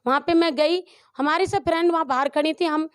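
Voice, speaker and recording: A woman's voice: high-pitched, fairly even intonation, a little fast, no room sound. A middle-aged woman, mother of an abused daughter, giving a rambling, emotional account to a reporter, often restarting her sentences. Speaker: mother of a dowry abuse victim. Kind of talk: street interview testimony.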